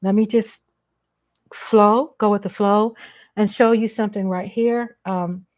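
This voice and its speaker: A woman's voice: medium pitch, fairly even intonation, a little slow, a little mellow. A woman hosting her own live-stream vlog, speaking off the cuff in a blunt, emphatic way with casual swearing. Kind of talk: unscripted live commentary.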